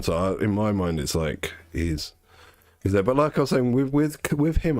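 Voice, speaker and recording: While streaming a game, this man chats casually in a low, nasal voice with a darkish tone, rambling and frequently restarting or correcting himself. The recording is dry.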